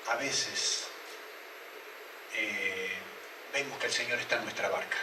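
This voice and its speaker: A man's voice: on the low side, slow, noisy background. A male pastor preaching a sermon and asking his listeners many rhetorical questions. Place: church hall. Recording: roomy, echoey church hall, mic at a distance.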